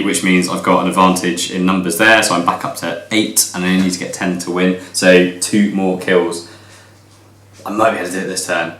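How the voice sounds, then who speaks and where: A man's voice: low voice, fairly bright tone. A man casually talking through his moves in a board game, chatty and often laughing. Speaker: board game reviewer playing a match. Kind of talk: casual tabletop play commentary. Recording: roomy room with faint noise.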